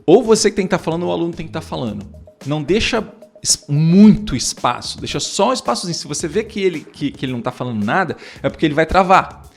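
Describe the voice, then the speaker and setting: A man with a slightly high, gravelly voice talks fast and animatedly over faint background music. He's teaching English, walking through the lesson steps in a casual, chatty way packed with fillers and restarts, and he acts out dialogues between teacher and student.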